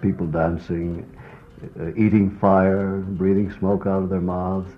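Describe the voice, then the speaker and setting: Deep male storyteller, wry and unhurried, played from old worn tape with a muffled, lo-fi sound. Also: flat delivery. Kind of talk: recounting an anecdote. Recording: dull lo-fi old tape with faint music.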